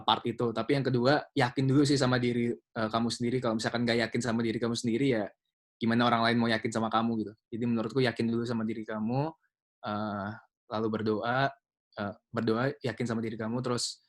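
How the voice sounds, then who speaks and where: A young man hosting an online youth meeting, talking casually with many hesitations. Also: medium pitch. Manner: casual, hesitant, full of fillers. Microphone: video call.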